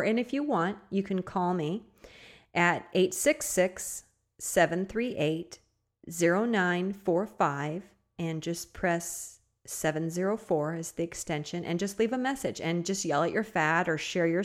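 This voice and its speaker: Giggly, chatty woman podcast host. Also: fairly low pitch. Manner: chatty storytelling, breaks into giggles; encouraging, coaching tone toward listeners. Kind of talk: casual solo podcast monologue.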